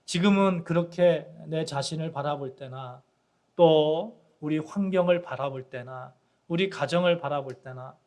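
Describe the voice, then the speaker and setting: High-voiced male pastor preaching. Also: measured pace, a little mellow. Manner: rhythmic preaching with repeated phrases, building emphasis. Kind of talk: sermon.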